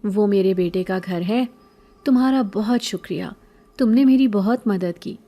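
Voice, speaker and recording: A woman's voice: medium pitch, mellow, close to an everyday voice. A woman voicing a middle-aged beggar woman in a horror story, pleading and sweet-sounding, later harsh and scolding.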